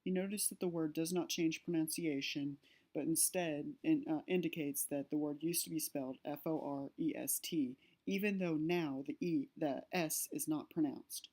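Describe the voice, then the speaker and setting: A language teacher narrates a slide-based language lesson, walking through it step by step with fillers and self-corrections. Her female voice is deep and a little mellow, with a steady tone and moderate pace.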